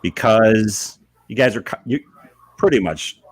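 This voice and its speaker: A man hosting a casual podcast chat with friends, animated and teasing, laughing often. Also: fairly low pitch, measured pace, slightly rough, no room sound. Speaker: podcast host.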